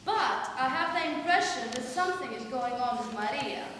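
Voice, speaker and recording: A woman's voice: high voice, expressive, moderate pace, background noise. A woman acting on an amateur stage as a gossipy, scolding mother, recorded from far off in an echoey hall. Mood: gossiping. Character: gossiping scandalized mother of Sarah. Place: small theatre stage. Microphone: far camera.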